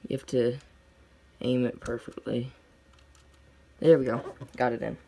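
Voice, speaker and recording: Mellow-voiced young man, casual unboxing video. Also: medium pitch, level tone, unhurried, gravelly. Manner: plain, unscripted, short clipped phrases. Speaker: diecast collector reviewing on camera. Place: indoors at a tabletop display. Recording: noisy home recording with clicks.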